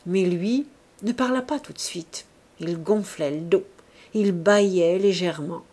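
A woman reading a classic novel aloud in a measured, expressive way. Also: lowish voice. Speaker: audiobook narrator. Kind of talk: literary audiobook narration.

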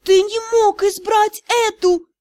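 A woman doing a shrill, jealous noblewoman. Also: lively intonation, unhurried, no room sound. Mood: hysterical. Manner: shrill, pleading, near tears. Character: jealous, hysterical young noblewoman. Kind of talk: audiobook character voice.

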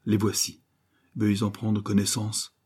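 A man's voice: sits low, fairly quick, a little mellow, breathy edge. A man voicing a naive, pompous young private detective who gets flustered.

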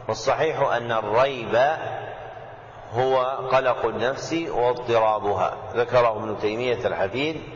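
A man, a sheikh, giving a classical lesson commentary, measured and repeating key phrases for students. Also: mid-range voice, slight background noise. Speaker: sheikh teaching a text. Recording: echoey hall, dull lo-fi audio.

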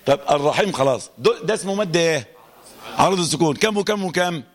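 Lively Egyptian teacher with a higher voice. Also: male voice. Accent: Egyptian Arabic. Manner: lively and joking, drawing out letters slowly to demonstrate recitation. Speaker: Quran recitation teacher. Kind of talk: live tajweed lesson to a class.

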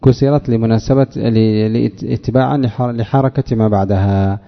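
A man teaching Arabic word morphology in a lecture, who asks his class questions, answers them himself and drags out example words slowly. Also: mid-range voice, fairly even intonation, creaky. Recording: dull lo-fi recording with long hall reverb.

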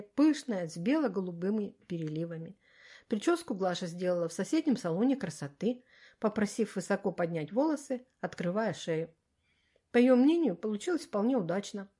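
A woman narrating a story as an audiobook in a steady, even storytelling manner. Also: mid-range voice.

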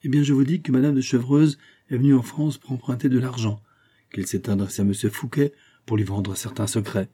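A man's voice: mid-range voice, steady tone, fairly quick, warm tone, slightly rough, voice pushed up, close to an everyday voice. A man reading aloud voices a proud, resolute young king who speaks in a firm, commanding way. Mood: insistent.

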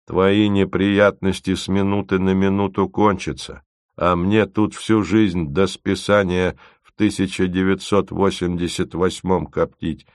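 A man voicing a tired, sardonic male computer that speaks in a measured, precise way. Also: sits low, level tone, no room sound, studio quality. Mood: weary.

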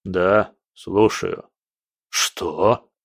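A weary, disgusted general with a deep, grim and contemptuous delivery, played by a man in an audiobook. The voice sits low and the sound is dry. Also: fairly even intonation, extremely slow, no echo, exaggerated voice. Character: weary, disgusted middle-aged male general.

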